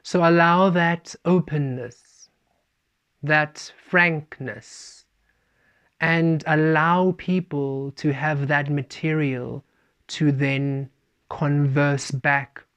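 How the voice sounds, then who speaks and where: A man's voice: a little high, very slow, clear, resonant tone. Playful man, spiritual talk. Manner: speaks of himself as "we", animated and playful. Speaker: spiritual teacher. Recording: dull lo-fi recording.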